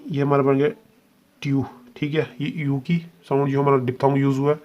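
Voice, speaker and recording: A man's voice: mid-range voice, monotone, darkish tone, highs cut off. Patient male shorthand teacher. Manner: patient, repeats "ठीक है" and spells sounds out slowly. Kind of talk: step-by-step video lesson.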